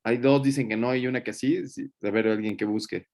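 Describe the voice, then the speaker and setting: A man's voice: medium pitch, fairly even intonation, fairly quick, darkish tone. A man, a teacher giving colloquial, joking feedback on student presentations, with many fillers.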